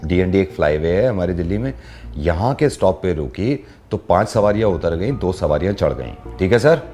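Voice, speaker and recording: A man's voice: sits low, big pitch swings, moderate pace, dark tone, faint music behind. A man playing a radio prank, chatting and telling a teasing story to a caller. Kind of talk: playful radio prank call.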